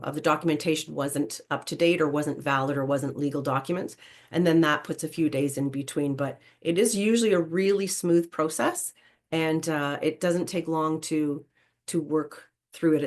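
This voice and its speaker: A woman explains procedures in a fairly low voice. She presents informally, as someone walking a group through a program. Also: steady tone, normal speed.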